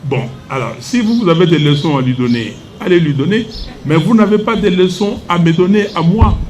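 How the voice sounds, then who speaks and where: An older Congolese opposition politician, a native Lingala speaker, answers a press conference question with indignation and emphasis, moving between French and Lingala. His voice is high and mellow-edged, with lively intonation and a fairly quick pace, plus a faint hiss or hum.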